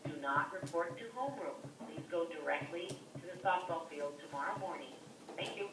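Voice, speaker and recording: A woman making a formal school announcement over the intercom, measured and instructive. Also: sits low. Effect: heard over a school intercom loudspeaker. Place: school classroom, through a wall speaker. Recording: echoey distant loudspeaker, noisy room.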